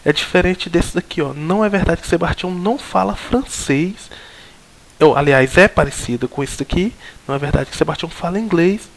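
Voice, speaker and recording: A man's voice: a little high, a little fast, creaky. A man with a Brazilian Portuguese accent teaching a recorded logic lesson, explaining step by step with many fillers and restarts.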